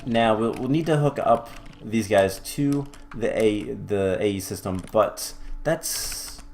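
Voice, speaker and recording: A man's voice: fairly low pitch, slow pace, a little mellow, soft background music. A man hosting a game let's-play who explains his building as he goes, thinking aloud with fillers and restarts and the odd wry aside. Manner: mildly wry, self-correcting. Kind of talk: casual gameplay commentary.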